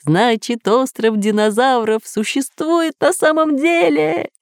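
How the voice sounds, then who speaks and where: A woman's voice: deep voice, lively intonation, moderate pace, no echo, studio quality. A woman voicing an old professor geographer who explains things enthusiastically. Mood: elated.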